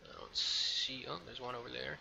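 A man's voice: mid-range voice, fairly even intonation, normal speed, creaky, dull audio, background noise. A man hosting a let's play, talking casually over his game with frequent ums and a loose, rambling manner. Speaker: gameplay video host. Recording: game music playing behind.

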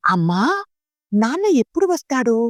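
A woman voicing a curious, frightened six-year-old girl in a high, childlike questioning voice. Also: sing-song, normal speed, no echo, clean studio sound. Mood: anxious questioning.

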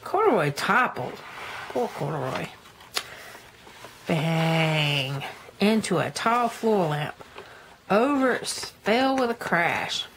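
A woman's voice: on the low side, sing-song, takes it slowly, fairly bright tone. An older woman with a grandmotherly, folksy manner reads a children's story aloud and chats to the listener in homely asides. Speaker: storybook reader, a granny. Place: indoors, book held in front of camera. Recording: noticeable room noise.

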